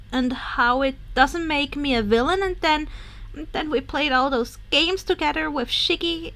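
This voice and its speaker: A woman's voice: high-pitched, fairly bright tone, pitched above the performer's own voice. A woman reading a fanfic aloud and voicing a bubbly, gushing teenage villain girl. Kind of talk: podfic character voice.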